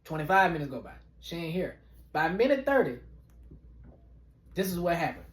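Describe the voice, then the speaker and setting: A man in his late twenties tells a storytime on a podcast, swearing freely and acting out each person in the story. His pitch swings widely as he builds up the drama. The sound carries a roomy echo. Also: moderate pace. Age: late 20s. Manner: animated, profane, acts out every character. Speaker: podcast host. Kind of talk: storytime monologue.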